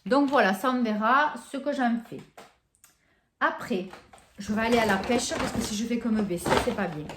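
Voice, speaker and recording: A woman's voice: fairly high pitch, heavy background noise. A woman chatting casually through a shopping haul, hesitant with many fillers and restarts, gushing over scents. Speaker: vlogger showing a shopping haul. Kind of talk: casual haul vlog chat. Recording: echoey room.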